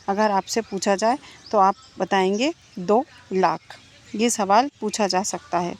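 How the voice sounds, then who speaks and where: A woman's voice: mid-range voice, darkish tone. A woman teacher giving an exam-prep lecture, asking questions and answering them herself, repeating the key points. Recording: noisy background with birdsong. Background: birds and insects chirping.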